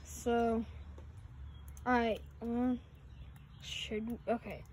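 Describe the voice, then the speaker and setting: Woman vlogger, fairly high voice, chatty with hushed asides, phone mic outdoors, faint background noise. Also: little pitch movement, extremely slow. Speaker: vlogger exploring an abandoned farm. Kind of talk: casual handheld exploration vlog. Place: outdoors in an overgrown rural yard and derelict buildings. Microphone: phone camera held by the speaker.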